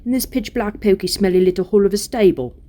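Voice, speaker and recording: A woman voicing a surly, stubborn male dwarf in a storybook reading, grumbling gruffly and scornfully in colloquial speech. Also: medium pitch, quick pace, mellow, voice pushed up, lightly acted.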